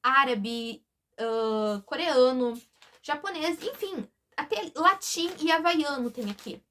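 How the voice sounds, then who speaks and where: A woman's voice: sits high, takes it slowly, a bit bright. A woman speaking in a hesitant, emotional, confiding way in a confessional vlog, often breaking off and restarting. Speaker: vlogger.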